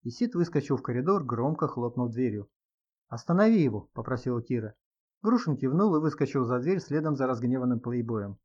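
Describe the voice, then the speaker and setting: A man narrating a crime novel as an audiobook in a steady, even storytelling manner. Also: medium pitch, brisk, muffled recording. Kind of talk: scripted narration.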